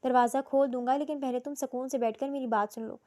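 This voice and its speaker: A woman narrator voicing a domineering young man who speaks softly, mocks and threatens. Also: high voice, close to an everyday voice. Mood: menacing. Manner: calm, mocking, then roaring.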